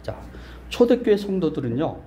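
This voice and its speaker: A male pastor with a high, mellow voice preaches in a small church. He quizzes his listeners and teases them lightly, and at other times he presses his points with rising insistence. A faint hiss sits under the recording. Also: sing-song, moderate pace. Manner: asks the congregation questions and jokes with them; rises to emphatic, insistent peaks. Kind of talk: sermon.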